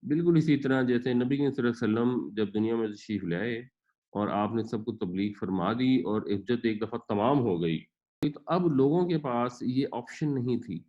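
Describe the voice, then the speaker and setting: Patient male Quran teacher, lo-fi. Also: fairly low pitch. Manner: patient, explains with everyday examples. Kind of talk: explanatory lecture.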